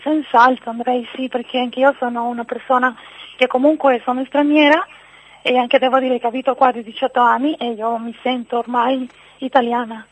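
A woman's voice: a little high, level tone, normal speed. A woman with a foreign accent giving her opinion as a caller on a radio phone-in, over a phone line. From outside Italy. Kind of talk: spontaneous opinion call. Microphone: phone call. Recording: narrow, tinny phone line.

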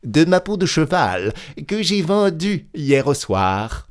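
A man's voice: a little high, very animated, slow, clear, resonant tone, voice pushed up. Petit Claus, a man doing a sly peasant trickster. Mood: gleeful. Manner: crafty, mock-fearful.

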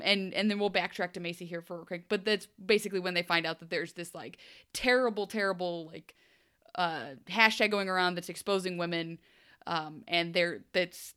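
Bright, clear-voiced woman, chatty and animated. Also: lowish voice. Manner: animated, chatty, quick asides with playful voiced quotes. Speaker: podcast co-host. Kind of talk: casual chat recapping a TV episode.

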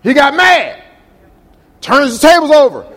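Male pastor, very high voice, call-and-response sermon, long church reverb. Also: sing-song, measured pace, fairly bright tone. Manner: call-and-response preaching, asks the congregation questions. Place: church sanctuary.

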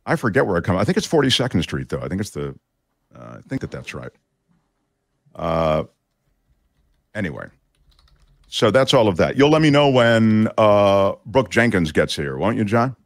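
Casual male host, fairly low and very animated, dry booth sound, loose digressive delivery. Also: normal speed, vocal fry, long pauses, no room sound. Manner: chatty, digressive, many fillers. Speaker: talk show host. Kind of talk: casual political commentary.

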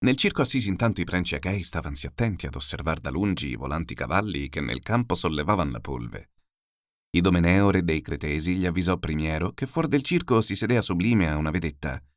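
A man giving an expressive reading of classical epic verse, raising his voice for the shouted speeches. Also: deep voice, fairly quick, no room sound, clean studio sound. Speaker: narrator reading an epic poem aloud.

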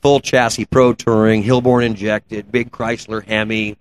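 This guest, who builds race cars and runs a shop, tells car stories casually in slangy shop talk. His voice is lowish with little pitch movement, and he speaks a little slowly. There is clear ambient noise behind him.

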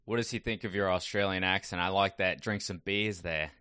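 A man's voice: low-pitched, steady tone, brisk, sharp tone, clear, resonant tone, no echo, studio quality. A man interviewing a guest, asking chatty, upbeat questions.

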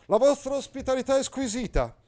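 A man reading aloud as a pedantic, pompous knight who lectures stiffly and without pause. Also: very high voice, big pitch swings, dark tone, pitched above the performer's own voice. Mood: pompous, lecturing.

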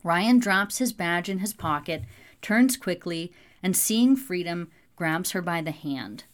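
A woman reading an audiobook in steady scripted narration. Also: fairly low pitch, takes it slowly.

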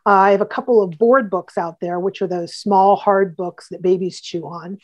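A woman's voice: medium pitch, steady tone, normal speed, muffled recording. Enthusiastic woman author chatting. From Columbus, Ohio. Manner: enthusiastic, chatty, many fillers. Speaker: guest author. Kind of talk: casual interview chat.

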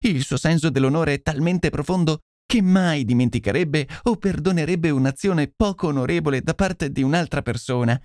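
A male reader puts on a young noblewoman in distress, her voice pitched high above his own. She begs and confesses in a breathless, imploring rush, and it is read close to the mic in a dry booth. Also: moderate pace, hardly any pauses, darkish tone, no echo, lightly acted. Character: desperate noblewoman, young, pleading and tearful. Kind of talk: audiobook character voice.

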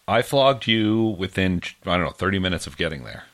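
A man with a very low, deep voice talks casually as a podcast co-host. He rambles, searches for words and trails off often, filling gaps with ums and uhs. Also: lively intonation, a little fast, fairly bright tone. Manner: rambling, trails off with many fillers. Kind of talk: casual chat.

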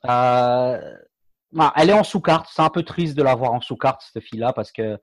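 A man chatting casually about fighting sports as a podcast co-host, halting with many fillers and restarts. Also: mid-range voice, no echo.

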